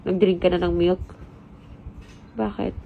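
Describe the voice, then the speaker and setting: Fairly low and gravelly, this woman's voice stays level and a little slow as she, a Filipino-accented mother, talks chattily to her vlog audience. She sounds congested with the flu, and the phone-quality recording carries slight background noise.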